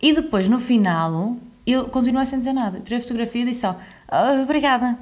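A woman's voice: a little high, fast talker. A young woman with a European Portuguese accent, a podcast co-host chatting casually and acting out the voices of the people in her stories. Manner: animated storyteller who acts out quoted voices. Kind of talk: casual chat.

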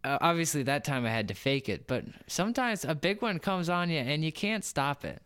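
A man's voice: a little high, animated, brisk, a bit bright, smooth, no echo, clean studio sound. A young man co-hosting a casual podcast, telling a work story with many fillers and restarts and laughing often. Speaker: podcast co-host.

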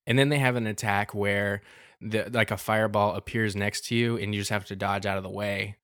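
A man's voice: fairly low pitch, fairly quick, dry recording, clean studio sound. A man co-hosting a gaming podcast, talking casually with lots of ums and restarts. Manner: rambling, many ums and restarts, relaxed. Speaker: podcast co-host.

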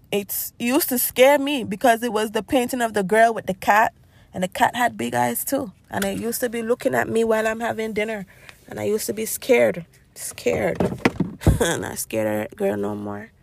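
A woman's voice: a little high, animated, measured pace, gravelly. A woman hosting a casual solo podcast, chatty and rambling, laughing often and stretching out her greetings. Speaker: podcast host.

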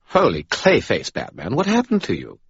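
A man's voice: lowish voice, huge pitch swings, moderate pace, vocal fry, husky, dry recording, lo-fi sound, pitched above the performer's own voice, full character voice. A man voicing a sarcastic, patronizing male spirit who lives in a skull.

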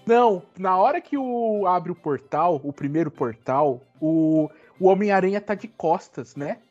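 Brazilian dude going over little details, stop-start, muffled lo-fi audio. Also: male voice, sits high, expressive, darkish tone, soft background music. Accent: Brazilian Portuguese. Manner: detailed, halting explanations with restarts. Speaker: podcast co-host. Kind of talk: casual chat. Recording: dull lo-fi audio.

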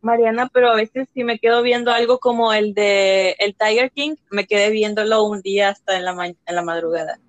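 A woman's voice: medium pitch, steady tone, fairly quick, hardly any pauses, dry recording. Young woman teasing her friends on a podcast, blunt, dead dry room. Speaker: podcast co-host. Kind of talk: casual chat.

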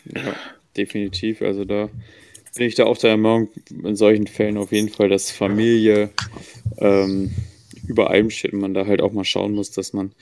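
A man with a low, gravelly voice co-hosts a podcast. He talks in a relaxed way and reacts readily to his guest. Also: normal speed. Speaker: podcast co-host. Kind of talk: casual podcast chat.

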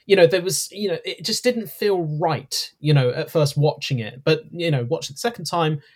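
A man's voice: fairly high pitch, brisk. Chatty man with ums. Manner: hesitant, many ums, self-correcting. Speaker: podcast co-host. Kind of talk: casual review chat.

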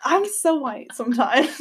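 Young woman, casual podcast host; giggly, jokey, swears a lot, lively high voice. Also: slow. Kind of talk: casual chat.

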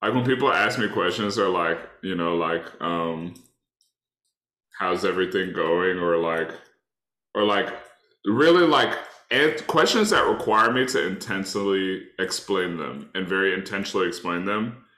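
A man's voice: low voice, expressive, moderate pace, sharp tone, roomy sound. A man with a stuffed-up nose chatting casually and slangily as a podcast co-host, rambling through his points. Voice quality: congested, blocked-nose sound. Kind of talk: casual chat.

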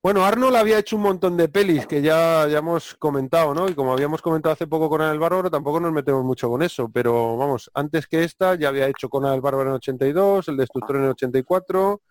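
A man from hosting a casual podcast chat about movies, excitable and full of slang. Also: a little high, fast, hardly any pauses, dry recording, clean studio sound. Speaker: podcast host.

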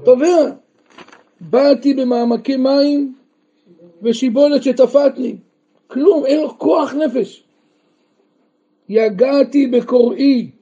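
High-voiced rabbi teaching a Torah class. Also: male voice, warm tone, slightly rough. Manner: asks the listeners questions and answers them himself; breaks into emphatic raised outbursts. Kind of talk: Torah lesson to a live group. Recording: dull lo-fi recording.

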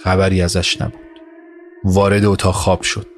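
Male narrator, low-pitched and measured, scripted story reading over a music score. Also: level tone.

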